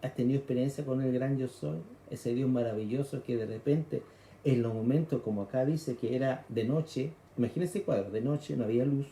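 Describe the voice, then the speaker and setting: A man's voice: mid-range voice, a little fast, dark tone, reverberant, slight background noise. A man with a Chilean accent preaching a sermon, explaining scripture conversationally and acting out the cries of frightened people. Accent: Chilean Spanish.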